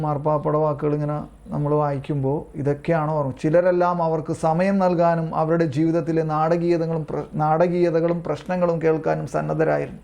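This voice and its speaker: Gravelly man preaching in a mellow voice. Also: fairly high pitch. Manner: repetitive, keeps asking listeners if they understand. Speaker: lay preacher leading an online prayer group. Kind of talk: informal religious teaching, reading aloud and explaining. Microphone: video call.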